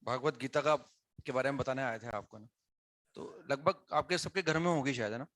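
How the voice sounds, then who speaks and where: A man's voice: mid-range voice, brisk, fairly bright tone. A male teacher talks to his students in a classroom, explaining things conversationally and often checking whether they follow. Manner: conversational, asks students questions, frequent "है ना" tags.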